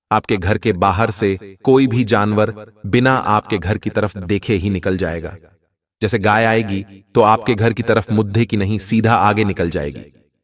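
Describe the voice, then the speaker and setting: A man's voice: on the low side, distant mic. A man presenting astrology in scripted narration, speaking earnestly and straight to viewers as friends.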